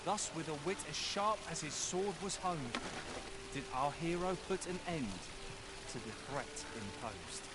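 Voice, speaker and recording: An actor voicing a theatrical street storyteller in a fantasy video game, declaiming in grand, archaic phrases. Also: male voice, fairly high pitch, animated, a little slow, heavy background noise. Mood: dramatic. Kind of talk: scripted rhyming storytelling, video game acting.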